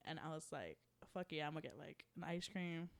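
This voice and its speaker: A woman's voice: low-pitched, expressive, fairly quick. A young woman chatting casually and telling a story, swearing often, laughing a lot and acting out the people she quotes. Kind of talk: casual chat.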